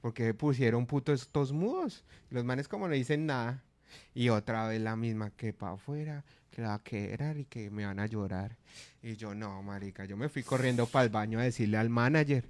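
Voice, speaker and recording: A man's voice: mid-range voice, normal speed. A man with a Colombian accent, a comedy radio host telling stories and acting out everyone in them. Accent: Colombian Spanish. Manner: animated, acts out the people in his stories. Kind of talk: comic storytelling. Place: radio studio.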